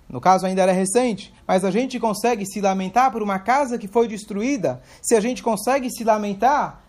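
A man teaching a Torah class, explaining step by step and asking questions aloud to his listeners. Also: high voice. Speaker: religious teacher.

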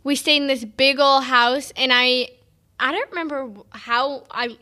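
A woman's voice: high-pitched, unhurried, pushed and bright. A young woman guest on a podcast, eagerly telling stories about performing. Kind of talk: casual chat.

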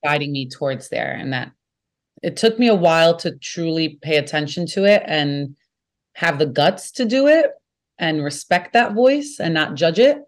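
A woman with a Brooklyn accent chats as an interview guest. She talks in an animated, joking, storytelling way. Her voice sits slightly low for a woman. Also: moderate pace. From Brooklyn, New York. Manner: animated, jokey, lively storytelling. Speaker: actor and guest. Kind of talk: casual interview chat.

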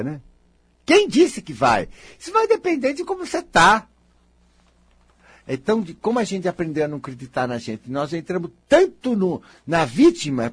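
A man's voice: high voice, slightly rough, no echo. A middle-aged man with a Brazilian Portuguese accent, coaching a participant in a live counseling session in a teasing, emphatic, coaxing way.

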